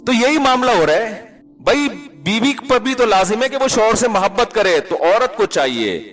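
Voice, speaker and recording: Male mufti, higher-pitched voice, casual joking sermon delivery, Arabic quotes. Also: big pitch swings, a bit bright. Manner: chatty, teasing, asks listeners for agreement. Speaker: mufti, Islamic preacher.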